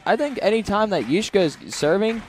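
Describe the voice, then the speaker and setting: A man's voice: sits high, expressive, moderate pace, a little hiss or hum. A young man giving casual, chatty color commentary on a volleyball match, with jokey asides. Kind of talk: live sports commentary.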